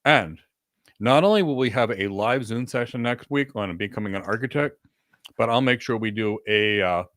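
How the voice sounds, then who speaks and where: This co-host answering career questions has a mid-range, fairly bright voice and talks at a normal speed. He offers earnest advice in short, repeated instructions during a live webcam session from his multi-monitor home office. The sound is clean and studio-like with no echo, captured on a desk webcam setup over a video call.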